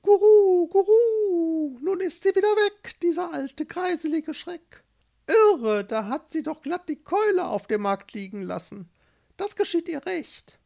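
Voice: very high-pitched, animated, measured pace, gravelly, dark tone, voice pushed up, heavily acted. A storyteller voicing a pair of anxious, chattering doves that coo between words, in a read-aloud fairy tale. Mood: gossipy. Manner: cooing "guru" calls.

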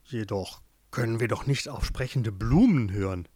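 A man's voice: fairly low pitch, moderate pace, warm tone, no echo, clean studio sound, pitched below the performer's own voice, natural voice. A man voicing a young woman in love in a fairy tale, with an emotive, pleading delivery. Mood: teasing.

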